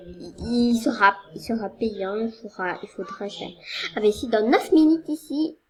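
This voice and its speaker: A woman's voice: fairly high pitch, lively intonation, normal speed, rough recording. A woman casually commenting on a game as she plays, in a hesitant, rambling way with many fillers. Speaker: gaming video creator.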